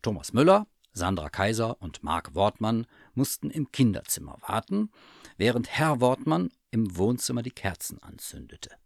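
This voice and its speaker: Man reading a kids story, really expressive pitch, dry close mic. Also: normal speed, creaky, dry recording. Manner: animated, plays the voices. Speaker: narrator.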